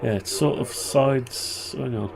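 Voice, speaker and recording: Speaking slowly at a medium pitch with a creaky edge, a flu-ridden man sounds blocked up, muffled and tired. He's a hobbyist presenter giving a casual tutorial, rambling and muttering his thoughts aloud.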